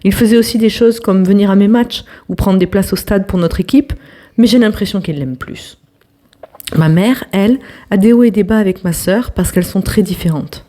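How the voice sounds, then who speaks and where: Here a young woman reads an online post aloud at normal speed in a mid-range voice. As a storytelling host, she's animated, adds whispered asides, and chats with the people watching.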